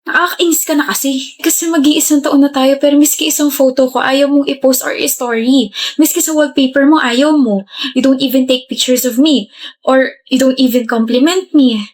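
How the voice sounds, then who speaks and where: A woman's voice: high-pitched, steady tone, normal speed, natural voice. An actress playing a hurt, demanding young girlfriend in a melodramatic skit, complaining and pleading.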